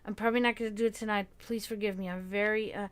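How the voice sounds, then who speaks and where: Her voice mid-range and her intonation fairly even, a weary Serbian-accented woman hosts a livestream. She talks loosely with viewers, wandering off, stopping and starting her sentences again, full of filler words.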